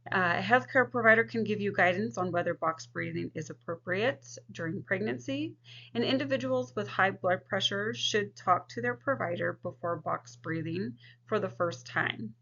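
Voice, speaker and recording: A woman delivers a scripted lesson as a student presenter. Her mid-pitched voice carries plenty of creak and fry. The recording is dull and lo-fi, lacking detail. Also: normal speed, a bit bright. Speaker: social work student presenting. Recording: dull, lo-fi microphone sound.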